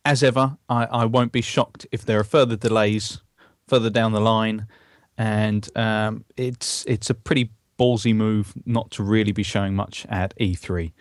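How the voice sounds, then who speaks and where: A male podcast co-host with a lowish voice, recorded dry and close. He gives thoughtful commentary with a few hedges, in a relaxed conversational way. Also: normal speed, few pauses, no room sound. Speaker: podcast co-host covering games. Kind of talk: casual chat.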